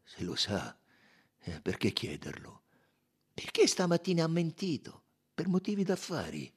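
A man voicing a loud, defensive Italian chauffeur in an audiobook, blustering and emphatic. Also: a little high, huge pitch swings, husky, voice pushed up, heavily acted. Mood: protesting. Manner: blustering, emphatic, quick to protest. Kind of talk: audiobook character reading.

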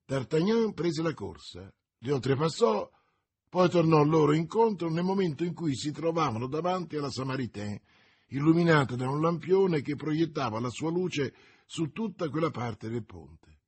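Husky-voiced male audiobook narrator. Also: on the high side. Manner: measured, expressive reading. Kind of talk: scripted narration.

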